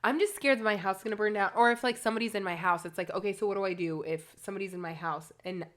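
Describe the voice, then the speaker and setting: A woman co-hosting a podcast in casual chat, chatty and quick to laugh. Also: mid-range voice, a bit bright. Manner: chatty, laughs often, acts out voices in stories. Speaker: podcast co-host.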